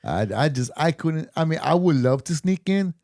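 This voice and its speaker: A man's voice: fairly high pitch, lively intonation, normal speed, darkish tone, no echo, studio quality. A man hosting a podcast in casual, rambling chat, swearing now and then. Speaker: podcast host.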